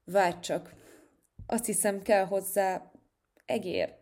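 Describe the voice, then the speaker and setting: A woman's voice: medium pitch, fairly even intonation, a little mellow, close to an everyday voice. A woman voicing a good-natured, slightly boastful plump boy cat in a children's storybook. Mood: cheerful. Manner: cheerful, a bit boastful.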